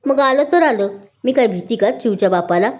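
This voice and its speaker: A woman's voice: fairly high pitch, moderate pace, natural voice. A woman voicing a spirited, sassy middle-aged wife who teases her husband in a spoken story. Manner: sassy, teasing. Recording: dull lo-fi recording.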